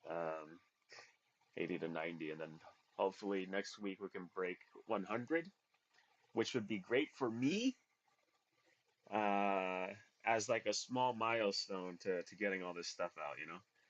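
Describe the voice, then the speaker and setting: Low-voiced man rambling at his workbench. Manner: rambling, unhurried, many fillers. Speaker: maker livestreaming his workbench. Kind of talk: casual chat while working. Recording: dull lo-fi audio.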